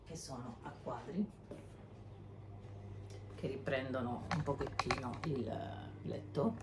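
A woman's voice: a bass voice, takes it slowly, noisy background. A middle-aged woman vlogging at home, chatting to a camera across the room about cheap buys and their prices. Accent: Italian. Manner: chatty, explaining purchases and prices. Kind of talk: casual chat to camera. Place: bedroom at home, indoors. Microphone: camera on a stand across the room. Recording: echoey room.

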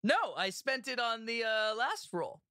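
A woman's voice: a little high, big pitch swings, unhurried, sharp tone, dry recording, clean studio sound. A woman player in a tabletop game who jokes and trips over her words. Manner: joking, stumbling over words. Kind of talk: casual tabletop role-play chat.

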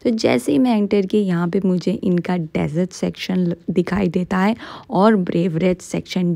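A young woman food vlogger with a gravelly, fairly low, mellow voice chats casually, mixing Hindi and English and slowing right down on the English phrases. She films on a phone held at arm's length, first on a tree-lined road outdoors and then inside a cafe, and the recording is dry.

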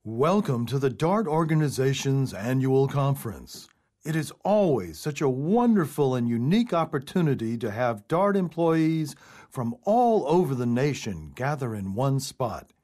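Male actor as conference official, formal scripted welcome, animated intonation, medium pitch. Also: measured pace. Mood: formal welcoming. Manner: formal, welcoming speech-giver. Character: organization official welcoming employees to annual conference. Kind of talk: scripted test-audio speech.

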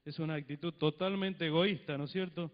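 In a church hall, a middle-aged preacher from Mendoza, Argentina, talks through his sermon on a handheld mic with a Cuyo accent, his voice high-ish, his tone steady, his pace fairly quick. He keeps it chatty, tossing in tag questions and playing out brief dialogues. Expect muffled lo-fi audio and a long echo from the hall.

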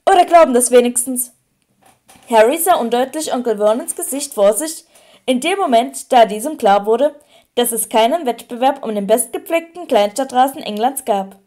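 A woman narrating an audiobook with clear, even storytelling. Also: on the high side, normal speed. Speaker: audiobook reader.

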